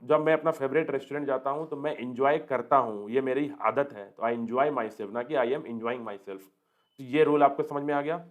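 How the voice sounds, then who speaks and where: Man teaching English grammar in Hindi. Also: medium pitch. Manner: explains slowly in Hindi, reads English example sentences aloud word by word; asks students rhetorical check questions. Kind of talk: exam-prep grammar lesson.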